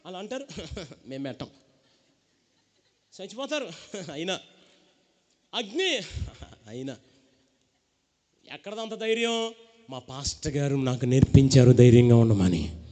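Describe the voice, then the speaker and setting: A man preaching a lively call-and-response sermon, acting out the characters of the story and urging the congregation to shout back. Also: fairly high pitch, unhurried, pauses often. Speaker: pastor.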